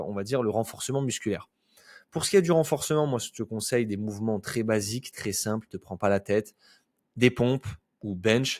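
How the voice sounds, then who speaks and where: Homme coach sportif, ton familier et direct. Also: male voice, mid-range voice. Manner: chatty, direct, addresses viewer informally with frequent "ok?". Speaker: fitness and nutrition coach. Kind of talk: casual explanatory video talk.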